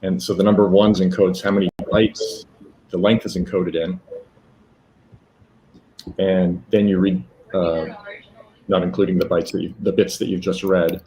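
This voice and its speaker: A man presenting a live technical demo, talking haltingly with many fillers and self-corrections. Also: deep voice, flat delivery, mellow, slight background noise, rough recording.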